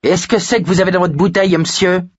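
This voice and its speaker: A man voicing a loud, mocking boy who is the class clown, joking and cackling in an audiobook. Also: high voice, fairly even intonation, quick pace, slightly rough, no echo, clean studio sound, voice pushed up. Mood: cheeky. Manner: cackling, jokey.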